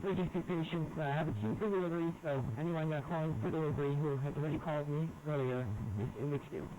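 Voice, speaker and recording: A man's voice: a little high, steady tone, quick pace, warm tone. A man working as an air traffic controller, heard over a thin radio link and giving clipped standard radio calls. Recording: tinny radio line with faint hiss.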